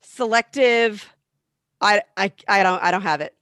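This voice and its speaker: A woman who works as a technology coach, talking in a casual panel discussion, animated and thinking aloud with fillers and restarts. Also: medium pitch, unhurried, smooth, dry recording, clean studio sound.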